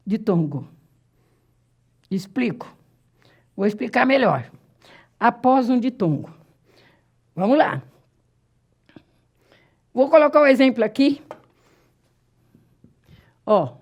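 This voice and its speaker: Lively Brazilian woman teaching grammar. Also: on the high side. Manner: lively, repeats and spells out words slowly, asks rhetorical questions. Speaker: Portuguese teacher. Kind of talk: exam-prep grammar lesson.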